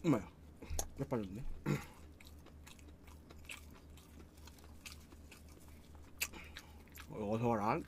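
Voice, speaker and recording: Man, mouth full, chewing, slow mumbled remarks, faint background noise. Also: fairly low pitch, creaky. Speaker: mukbang creator. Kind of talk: casual eating commentary.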